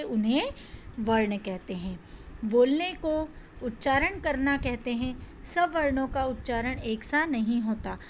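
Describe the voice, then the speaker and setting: A woman with a high voice teaching a grammar lesson to her students. She asks questions and answers them herself, in a patient classroom manner. A faint hiss of noise runs under the recording. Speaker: Hindi teacher.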